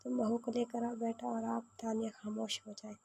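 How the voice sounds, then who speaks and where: A calm, patient middle-aged father, read by a woman narrator. He speaks in a hushed, soothing way with a mellow, gravelly tone. The pitch barely moves. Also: moderate pace, a little hiss or hum. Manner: quiet, soothing delivery. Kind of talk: novel read aloud.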